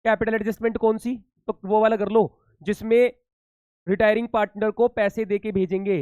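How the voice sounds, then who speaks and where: Chatty teacher, high voice. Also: male voice, darkish tone, dry recording. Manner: chatty, addresses students as beta, reassuring. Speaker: commerce teacher. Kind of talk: casual exam-tips lesson.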